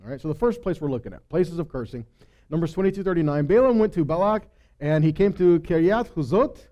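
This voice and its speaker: Quick-paced and expressive, this man's slightly high, mellow voice comes through with lo-fi sound as he leads a weekly Torah study. His informal sermon retells Bible stories conversationally, acting out the dialogue in paraphrase and often checking in with a rhetorical "right?".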